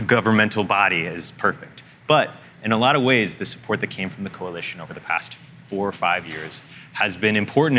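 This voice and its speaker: A man's voice: low voice, bright, forceful tone, a little hiss or hum. A man who is a journalist, explaining his reporting in a loose, conversational way full of fillers. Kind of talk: interview conversation.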